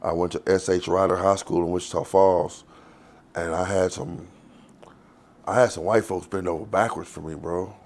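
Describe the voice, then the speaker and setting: A man's voice: sits low, fairly even intonation, moderate pace, creaky, a little mellow. A man, telling his life story in a loose, rambling, profane way in an interview. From Texas. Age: 40s. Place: outdoors on the street.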